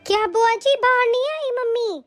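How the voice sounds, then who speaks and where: A kind young daughter-in-law in a cartoon story, as a woman voices her, polite and respectful, with a very high, bright voice. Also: normal speed, over music. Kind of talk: animated story voice acting.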